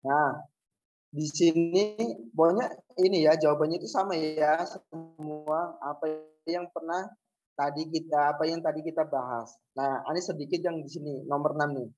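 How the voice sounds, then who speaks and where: A man's voice: on the high side, fairly even intonation, moderate pace, a little mellow, faint music behind, rough recording. A male teacher giving a language lesson, patiently drilling words and asking the class questions he then answers himself. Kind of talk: classroom lesson, reading words aloud for students to repeat.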